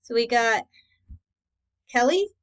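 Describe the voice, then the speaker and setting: Her voice is a little high with lively intonation and a clean tone, and she takes her time, speaking slowly. She's a dating coach and class host delivering a relaxed instructional talk to camera, addressing viewers informally with rhetorical questions and frequent check-ins.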